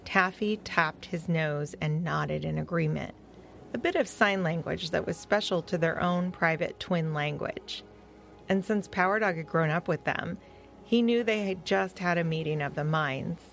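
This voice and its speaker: A woman narrating a children's adventure story in a gentle, expressive reading style. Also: fairly low pitch, a little slow, gravelly.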